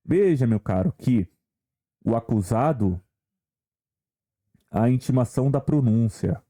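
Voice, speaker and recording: A man's voice: medium pitch, expressive, slow pace, warm tone. A man teaching an online exam-prep law lesson, walking viewers through questions and asking them rhetorical questions along the way.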